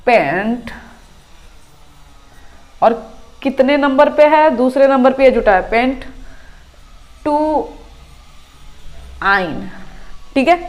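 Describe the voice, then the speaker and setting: A woman's voice: fairly high pitch, darkish tone. Woman teacher counting through chemistry steps. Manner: counts step by step, asks students "understand?". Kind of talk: classroom lecture explaining at a whiteboard.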